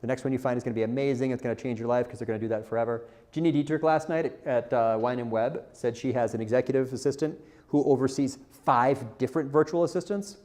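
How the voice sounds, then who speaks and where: A warm, mid-range male voice with fairly even intonation moves at a quick pace. The speaker is a content marketer at a conference, chatting informally and frankly, downplaying himself and asking the audience questions.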